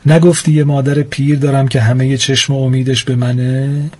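A man voicing an aging mother who misses her son, speaking softly with a trembling voice. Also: medium pitch, little pitch movement, close to an everyday voice. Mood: tearful. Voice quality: soft, trembling.

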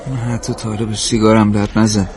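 A man's voice: lowish voice, level tone, a little mellow, natural voice. A man playing a scared, sick young patient.

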